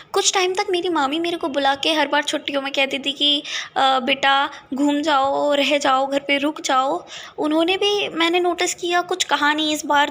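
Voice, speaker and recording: Young woman from India, vlogger venting in casual chat; high, bright voice with frustrated, code-switching delivery. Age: young adult. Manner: frustrated, mixing Hindi and English.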